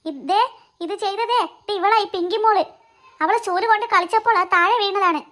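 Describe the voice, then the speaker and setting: A woman's voice: extremely high pitch, normal speed, fairly bright tone. A woman voicing a smug tattling big sister. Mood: accusing. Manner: taunting, smug.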